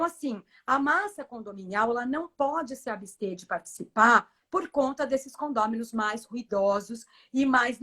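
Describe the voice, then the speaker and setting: A woman's voice: a little high, a bit bright. A Brazilian woman, a professional condominium manager, giving emphatic, persuasive advice in a live-streamed interview. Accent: Brazilian Portuguese.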